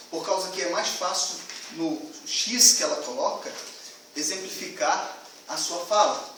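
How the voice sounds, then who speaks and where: A man's voice: on the high side, a bit bright, a little hiss or hum. A man giving a student class presentation, explaining in loose, rambling phrasing. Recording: echoey classroom from far off.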